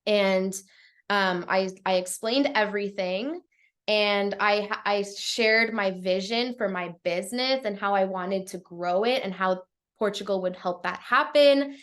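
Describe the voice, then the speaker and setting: A woman's voice: mid-range voice, a little slow, fairly bright tone. A woman coaching live over a video call, talking casually with lots of fillers and some swearing. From Canada. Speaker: life and business coach. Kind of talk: live-streamed coaching talk. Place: Portugal.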